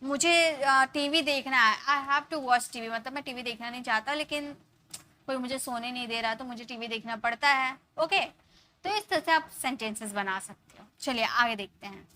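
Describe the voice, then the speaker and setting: A young Indian woman teaching a live spoken-English class, explaining in Hindi and slowly spelling out English example sentences. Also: sits high, sharp tone, a little hiss or hum.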